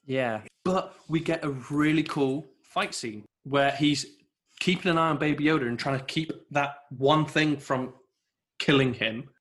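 Man, podcast co-host, casual review chat, steady recap. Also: fairly high pitch, unhurried.

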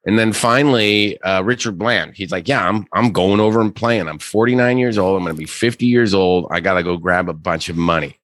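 Male co-host, low voice, dry close mic, reads golf news casually with asides. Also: brisk, hardly any pauses, fairly bright tone, dry recording. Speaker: podcast co-host.

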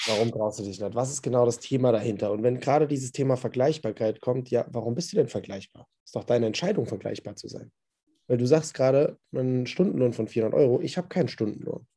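A man's voice: medium pitch, quick pace, mellow, breathy edge. A man who works as a business coach, talking casually in a podcast chat in a blunt, emphatic and colloquial way.

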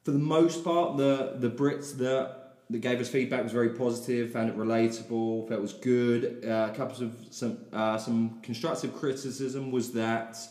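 A man with a softened South London English accent hosting a podcast in casual, blunt, sweary chat. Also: mid-range voice, fairly even intonation, normal speed. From South London, England. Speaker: podcast host. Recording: roomy, echoey.

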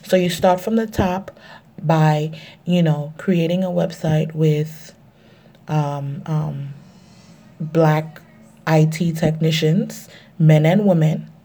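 Female podcaster, slow and relaxed, chatting alone in an echoing bathroom. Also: low-pitched. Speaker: podcast host. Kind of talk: casual solo podcast talk. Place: small indoor bathroom, recording alone. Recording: echoey bathroom with background noise. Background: background noise.

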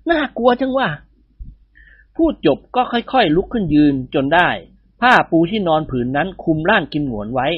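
Narrator, storybook reading, husky voice, lively pitch, dry dull recording. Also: brisk, no echo.

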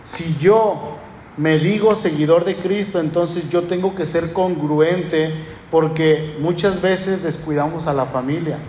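A man's voice: a little high, takes it slowly, a little mellow, echoey room, a little hiss or hum. A man with a northern Mexican accent, preaching a sermon as pastor, speaking emphatically with rhetorical questions and lists. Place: church.

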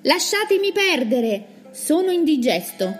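A woman doing a loud, fearless young hero. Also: sits high, big pitch swings, normal speed, faint music behind. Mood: bold. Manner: brash, scolding and mocking. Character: fearless, cocky young man, brash and loud. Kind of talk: children's storybook reading.

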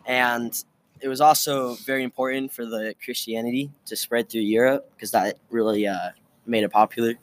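A man co-hosting a casual podcast, talking in a halting way with many fillers. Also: medium pitch, fairly even intonation. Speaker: co-host.

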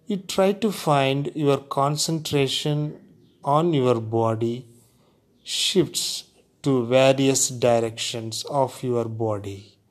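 A man leads a guided meditation in a calm voice at a medium pitch. His delivery is extremely slow and deliberate. Short phrases are set apart by long, unhurried pauses, in the measured style of relaxation instruction.

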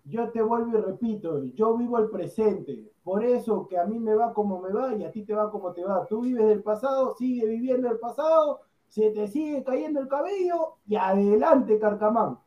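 A man with a Peruvian accent, trading loud, teasing football taunts as a sports talk panelist. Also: high-pitched, moderate pace, hardly any pauses, reverberant, dull audio. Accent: Peruvian Spanish. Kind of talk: heated football banter.

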